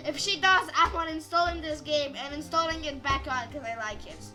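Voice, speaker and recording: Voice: sits high, normal speed, over music. A gamer making joking, chatty asides while playing through a story game. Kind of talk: casual let's play commentary.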